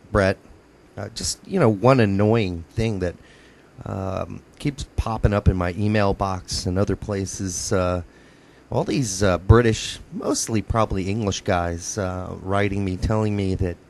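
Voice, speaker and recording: A man hosting a casual podcast in a somewhat low voice. He rambles and hesitates, filling his speech with ums and uhs as he works toward his point. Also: expressive, unhurried, darkish tone. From United States. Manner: rambling, hesitant with many fillers. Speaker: podcast host.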